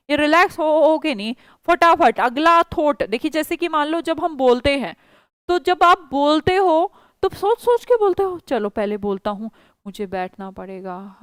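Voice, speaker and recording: An Indian-accented woman teaches a spoken English class online, coaxing and reassuring her students. Her voice sits high, and there's no echo.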